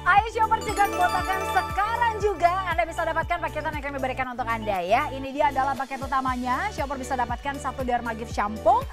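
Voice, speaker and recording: A woman hosting home shopping, giving an emphatic, promotional infomercial sales pitch. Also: fast. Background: background music.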